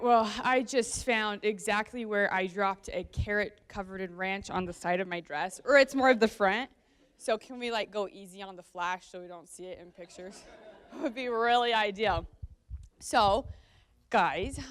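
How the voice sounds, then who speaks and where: A woman's voice: mid-range voice, smooth. A young woman in her twenties giving a wedding toast for her sister, laughing and tearing up as she speaks. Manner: emotional, laughing through tears.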